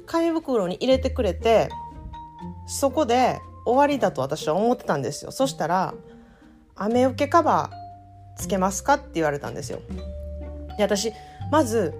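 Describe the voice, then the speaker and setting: A woman from Japan with a Kansai accent, hosting a casual solo podcast and telling self-deprecating stories in a chatty, animated way. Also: mid-range voice. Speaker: podcast host.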